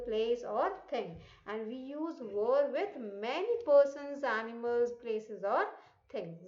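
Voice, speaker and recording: A woman teaching English grammar with an Indian accent. She explains in Hindi, reads English examples slowly, and asks the class questions that she answers herself. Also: fairly high pitch, darkish tone. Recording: echoey, dull lo-fi room sound.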